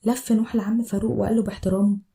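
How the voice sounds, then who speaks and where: A woman with an Egyptian accent narrating a scripted story in an even, rapid storytelling manner. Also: medium pitch, creaky. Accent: Egyptian Arabic.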